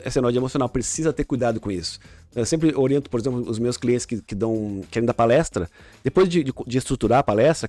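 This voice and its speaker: Fast-talking man explaining. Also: medium pitch, a little mellow, no echo. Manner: explanatory, example-driven, many restarts. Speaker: podcast guest, communication coach. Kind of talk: casual podcast chat.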